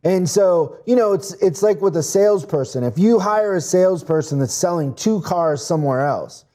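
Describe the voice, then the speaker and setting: A man who grew up in Mexico appears as a podcast guest in a laid-back interview, earnestly talking business and repeatedly restarting what he says. His pitch runs on the high side, with a dark tone.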